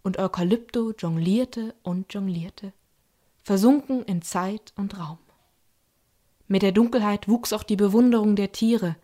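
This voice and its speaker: A woman narrating a children's bedtime story in a calm, soothing way. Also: mid-range voice, a little slow. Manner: calm and soothing, voices characters lightly.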